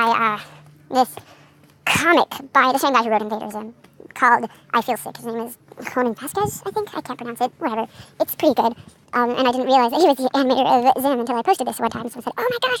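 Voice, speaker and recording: Young woman, high voice, rambling casual vlog talk, faint outdoor hiss. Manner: chatty, easily distracted, rambling with fillers. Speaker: vlogger showing her character drawings. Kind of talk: casual chat.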